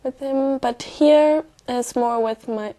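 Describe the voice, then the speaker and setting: A young woman from Brazil, an exam candidate speaking hesitantly with many fillers and pauses. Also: high-pitched, warm tone. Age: young adult.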